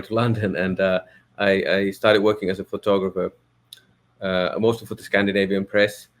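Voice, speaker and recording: A deep, monotone man with a gravelly texture, a native Finnish speaker talking English in a podcast interview. He hesitates often, restarting phrases and filling pauses as he weighs each thought. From Finland. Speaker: guest, photo editor.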